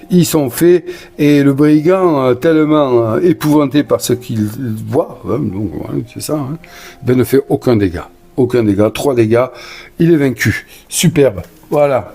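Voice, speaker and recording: A man with a warm, mellow voice talks his way through a solo board game, move by move. His manner is chatty and enthusiastic. He sometimes trips over his words and apologizes for rambling. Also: mid-range voice. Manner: stumbles and corrects himself, apologizes for rambling. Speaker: board game player narrating a solo playthrough. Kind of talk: casual solo game commentary.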